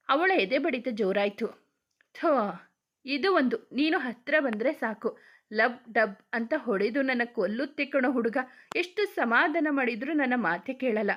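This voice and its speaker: A woman's voice: a little high, a bit bright. A woman narrating a romance story, voicing every character herself with emotional, chatty delivery. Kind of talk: dramatic romance story reading.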